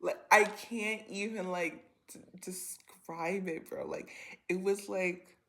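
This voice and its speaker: A woman in her twenties telling a personal story to camera in a rambling, animated way, full of slang and filler words. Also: mid-range voice, takes it slowly. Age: 20s. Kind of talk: casual storytime vlog.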